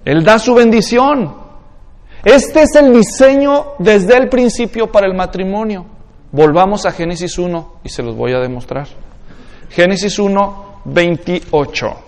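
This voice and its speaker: A man's voice: high-pitched, lively intonation, unhurried, darkish tone, in a large hall. A man with a Mexican accent preaching an expository sermon in a conversational way, often asking the congregation questions. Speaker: pastor.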